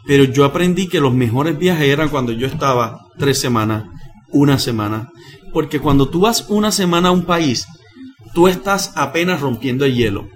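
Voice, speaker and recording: A man, a missionary pastor who tells his story in a lively, dramatic way and slows down for the lines he quotes. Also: mid-range voice. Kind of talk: animated personal storytelling.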